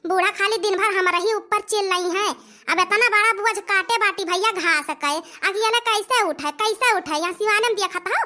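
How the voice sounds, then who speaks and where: With a very high, bright and forceful voice, a young woman speaking in an Awadhi accent grumbles as an overworked village daughter-in-law in a comic cartoon. She repeats her phrases for emphasis.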